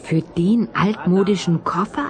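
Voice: medium pitch, a little slow, lightly acted. An actor playing a skeptical, impatient boy detective in an audio drama, blunt and complaining. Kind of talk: German audio drama acting.

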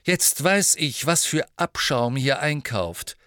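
A man's voice: a little high, animated, slow pace, pushed and bright, no echo, clean studio sound, pitched above the performer's own voice, exaggerated voice. A man voicing a cold, haughty aristocratic mother, cool and disdainful, in a storybook reading.

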